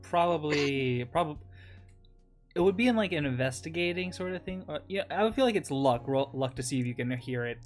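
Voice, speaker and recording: A man's voice: fairly high pitch, animated, faint music behind. A man running a tabletop game as game master, often stopping and restarting his sentences. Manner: halting, restarts mid-sentence.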